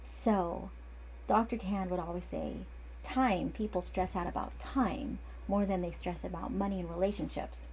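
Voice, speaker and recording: A woman's voice: lowish voice, steady tone, moderate pace, a little mellow, slight background noise. A woman in her forties, an acupuncturist, giving a casual, chatty lesson that often wanders off and restarts. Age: 40s. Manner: chatty and digressive, with frequent restarts. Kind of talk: casual instructional talk.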